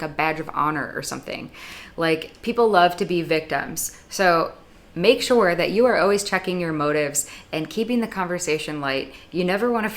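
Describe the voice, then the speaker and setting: A woman's voice: lowish voice, a bit bright. A young adult woman from the United States giving blunt, sarcastic advice in a casual vlog monologue, with dramatic asides. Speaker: YouTube vlogger.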